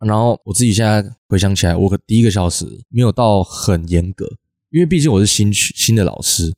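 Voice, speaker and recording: 一个带台湾口音的年轻男子，以轻松闲聊的方式，快速生动地讲述自己当排球教练的经历。. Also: male voice, on the low side, dry recording, clean studio sound. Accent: Taiwanese Mandarin. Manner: fast storytelling, animated quoted scolding. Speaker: podcast co-host, youth volleyball coach. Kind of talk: casual chat.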